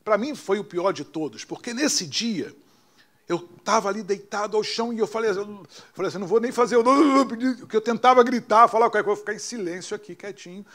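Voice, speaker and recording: A man with a Brazilian Portuguese accent, a pastor telling his own story in a sermon, dropping to hushed tones for quoted voices. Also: sits high, fairly quick. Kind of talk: sermon testimony.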